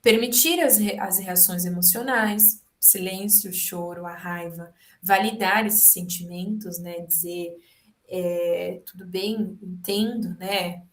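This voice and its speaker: A woman's voice: fairly low pitch, slow pace, reverberant. A woman with a Brazilian Portuguese accent giving a webinar lecture to health workers, explaining step by step and often checking in with tag questions. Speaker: health educator.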